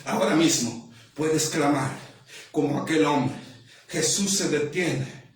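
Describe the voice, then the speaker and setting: A man preaching a sermon as an evangelist, with a fervent delivery and frequent shouting. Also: on the high side, slow. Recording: echoey hall, mic far off.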